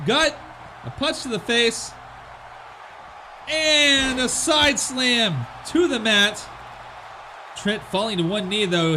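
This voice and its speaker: A man calling a pro wrestling match as an excited play-by-play commentator, dramatic and exclamatory, often throwing out rhetorical questions. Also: extremely high pitch, noisy background.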